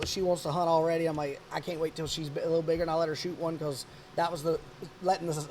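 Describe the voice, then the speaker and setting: A man around forty hosting a podcast, telling a hunting story in a rambling, animated way. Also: on the high side, slight background noise. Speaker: podcast host. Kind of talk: casual chat.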